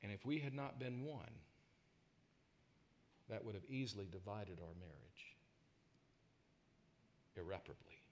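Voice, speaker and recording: A man preaching a sermon, telling personal stories to his congregation and swinging between loud emphasis and quiet asides. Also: on the low side, animated, measured pace, long pauses, slight background noise. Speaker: pastor.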